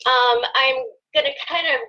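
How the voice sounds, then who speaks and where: A woman in her fifties telling a personal story in a hesitant, choked-up way, with many pauses and fillers. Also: high-pitched, sharp tone, lo-fi sound. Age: 50s. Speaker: volunteer guest. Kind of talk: emotional personal story on a live stream.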